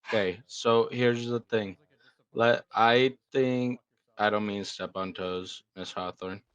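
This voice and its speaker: A man's voice: on the low side, fairly even intonation, slow, fairly bright tone, smooth, no echo. A man roleplaying a police officer who earnestly keeps returning to the same point. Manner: earnest, repeats his point. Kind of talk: game roleplay in character.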